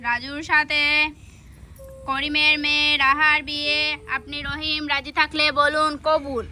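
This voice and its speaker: A woman voicing a solemn male wedding officiant who recites the marriage terms slowly and formally. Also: sits high, level tone, sharp tone, slight background noise, exaggerated voice. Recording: music playing underneath.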